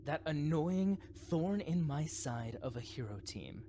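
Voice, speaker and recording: A man's voice: fairly high pitch, a little slow, a little hiss or hum. Man acting as a theatrical, swooping supervillain boyfriend. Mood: boastful. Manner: theatrical, expressive, teasing. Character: theatrical supervillain boyfriend, proud, flustered, secretly doting. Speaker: ASMR roleplay voice actor. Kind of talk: dramatic ASMR boyfriend roleplay.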